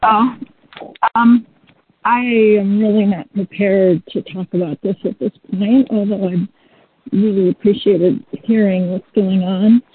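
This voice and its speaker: A woman on a webinar, talking hesitantly with many pauses, heard through a muffled speakerphone. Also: medium pitch, fairly even intonation, slightly rough, dry recording. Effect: muffled speakerphone sound. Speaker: panelist on a webinar. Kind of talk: unprepared casual remarks. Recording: muffled phone line.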